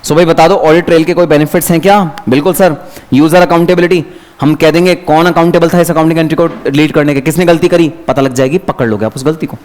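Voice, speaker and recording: A man teaching an exam revision lecture, chatty and lively, talking straight to his students. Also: a little high, fast. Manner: lively, chatty, addresses students by name, mixes English terms.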